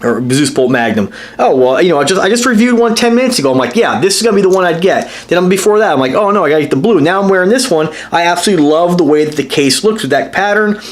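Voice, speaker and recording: A man's voice: high voice, animated, fast, few pauses. A man hosting a casual watch review vlog, talking to his viewers in an enthusiastic, rambling way with lots of fillers and restarts. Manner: addresses viewers directly as guys. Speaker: watch reviewer and channel host.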